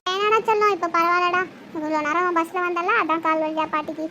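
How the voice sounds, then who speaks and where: A woman's voice: very high-pitched, steady tone, a little fast, bright, forceful tone, heavily acted. A woman voicing a nagging older mother-in-law in a family cartoon. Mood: tender. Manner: scolding, complaining. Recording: noisy home recording.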